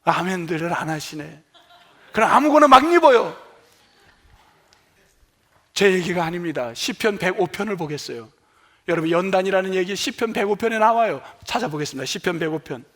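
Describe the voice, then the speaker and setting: A man with a strikingly high voice preaches a sermon from the pulpit of a church. He moves between loud calls and soft asides, and acts out the cries he quotes. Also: lively intonation, normal speed, long pauses. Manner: preaching with rises and drops in volume, acting out quoted cries. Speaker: senior pastor. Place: church sanctuary.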